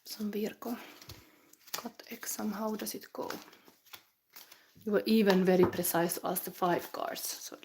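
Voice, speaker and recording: A live tarot reading comes from a flu-stricken Finnish woman, speaking with a Finnish accent in a steady, medium-pitched, slightly mellow voice that runs a little slow with frequent pauses. She rambles with fillers and restarts, whispering while channeling, over slight background noise.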